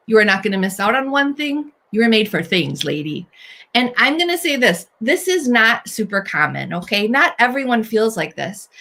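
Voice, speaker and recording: A woman with a fairly high voice hosts a faith-based encouragement talk for women. She sounds earnest and warm, and she speaks directly to her listeners. She reassures them, almost as if coaching a friend. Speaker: host.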